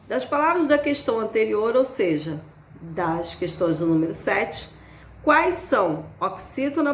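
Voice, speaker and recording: A woman teacher, slowly and patiently walking students through a worksheet item by item. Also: medium pitch. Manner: slow, patient, spells out each item. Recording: echoey room, faint background ambience.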